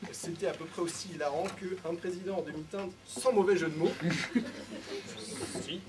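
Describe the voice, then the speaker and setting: A man's voice: high voice, fairly even intonation, moderate pace, background noise. A young man on a jury giving a sarcastic, mocking critique of a speaker. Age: young adult. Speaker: jury member. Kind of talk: comic critique of a speech. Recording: far mic, loud audience.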